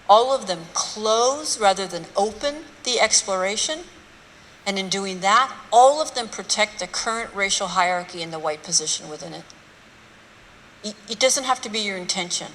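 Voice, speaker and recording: A woman speaks to a live audience in a lecture hall. Her voice is bright and forceful, and she talks bluntly, with rhetorical questions and mocking asides. The sound rings with long reverb and faint room noise around it. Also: mid-range voice, expressive, moderate pace. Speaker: speaker giving a talk on race.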